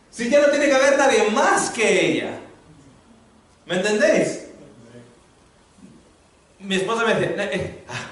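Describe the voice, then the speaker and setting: Man, preacher, high voice, humorous sermon, very echoey hall, faint noise. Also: far from the mic. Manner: humorous storytelling, lively preaching to a congregation. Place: large hall before a congregation.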